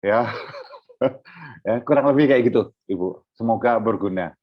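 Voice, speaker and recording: Man guest speaker on a video call, husky and conversational, dull muffled sound. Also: fairly low pitch, normal speed. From Indonesia. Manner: explains in a relaxed, conversational way, acting out what a parent says to a child. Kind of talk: casual parenting talk over video call.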